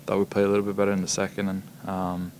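A young man, a hockey player, answering reporters' questions at a postgame press conference, halting and full of ums and repeated words, speaking into table microphones in a press room. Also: sits low, monotone, a little mellow, a little hiss or hum. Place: press room in front of a logo backdrop. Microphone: table microphones in front of him.

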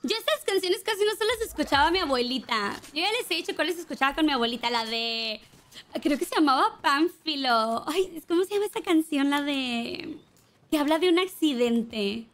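High-voiced Mexican woman streamer. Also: expressive, moderate pace, fairly bright tone. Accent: Mexican Spanish. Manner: chatty, swears, sings along to songs. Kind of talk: casual gameplay chat with singing along.

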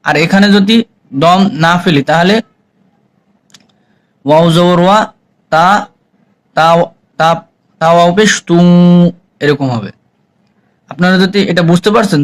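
A man teaching Quran reading, spelling out each letter and vowel slowly before chanting the joined words. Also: high-pitched, lively intonation, low-quality recording. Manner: slow, drawn-out syllable-by-syllable spelling and chanted recitation. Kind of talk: spelling-out recitation lesson.

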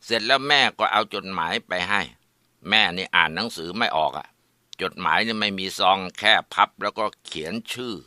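A man tells a village folk tale in a plain, steady way. His voice is low-set yet bright and tense, and the recording is dry and close. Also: normal speed, no room sound. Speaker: storyteller.

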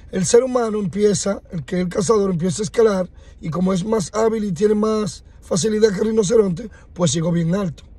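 A man casually telling a motivational fable, animated, acting out sounds and dialogue. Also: sits high, breathy edge, no room sound. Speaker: motivational storyteller.

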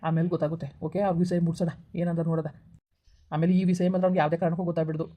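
A woman's voice: lowish voice, level tone, mellow, natural voice. A woman playing a young man who scolds and comforts a crying friend like an older brother in a village comedy skit. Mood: soothing. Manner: scolding yet reassuring, fast and blunt.

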